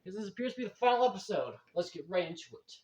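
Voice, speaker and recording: A man's voice: high-pitched, expressive, very fast, a little mellow. A man hosting a reaction video with casual off-the-cuff commentary. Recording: roomy, slightly dull home recording.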